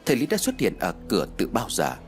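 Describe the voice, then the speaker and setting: A man narrating a horror audiobook in an expressive, dramatic storytelling manner. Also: on the low side, fast, faint music behind.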